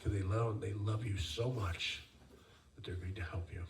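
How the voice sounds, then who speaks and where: A man with a fairly low voice delivers seance medium readings, emphatic and given to repeating his phrases. He speaks to sitters directly, as if passing on messages from spirits. The recording is echoey, picked up at some distance from the microphone. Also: fairly even intonation, normal speed. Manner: addresses listeners as dear and sir, repeats phrases. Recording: roomy, distant mic, faint noise.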